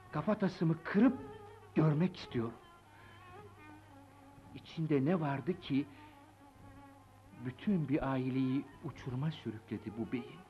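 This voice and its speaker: An actor playing a remorseful older father who laments and blames himself in an old film drama. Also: a little high. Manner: anguished, lamenting monologue. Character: remorseful older father, grieving and self-blaming. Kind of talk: 1950s film drama acting. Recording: dull old film soundtrack with music.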